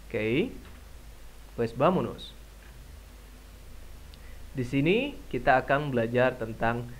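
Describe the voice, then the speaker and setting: Slow-paced Indonesian man teaching. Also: mid-range voice. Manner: repeats words slowly for learners to echo. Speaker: language teacher. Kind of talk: slow, drilled language lesson.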